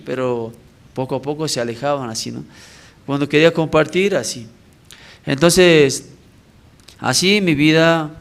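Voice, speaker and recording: Male evangelist, church prayer service, conversational testimony, keeps checking in with listeners. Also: medium pitch. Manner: conversational, with frequent tag questions to the congregation.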